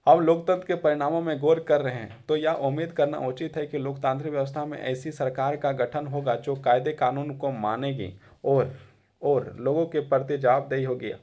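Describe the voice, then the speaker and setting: A man's voice: medium pitch, fairly even intonation, moderate pace, dark tone, dull audio. A man giving a classroom lecture in a conversational way, repeating phrases for emphasis. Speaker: teacher.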